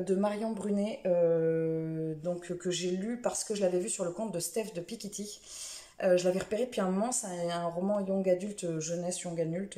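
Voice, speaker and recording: A woman's voice: fairly low pitch, dark tone, reverberant. A woman chatting casually about the books she read this week, rambling a little, with lots of fillers and self-corrections. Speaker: book vlogger. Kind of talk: casual book review chat.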